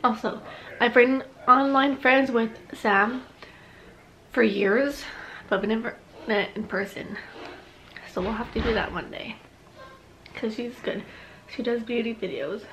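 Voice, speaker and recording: A woman's voice: fairly high pitch, measured pace, pauses often, fairly bright tone, slight background noise, low-quality recording. Chatty young woman vlogging at home. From Canada. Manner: chatty, rambling, laughs easily. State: out of breath. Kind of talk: casual vlog chat.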